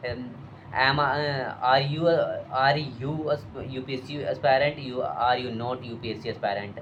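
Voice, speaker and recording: Halting man drilling sentences. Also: mid-range voice, fairly even intonation, a bit bright, highs cut off, a little hiss or hum. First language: Hindi. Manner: halting, many fillers and restarts, mixing Hindi and English. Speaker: English practice teacher. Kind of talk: casual spoken English drill.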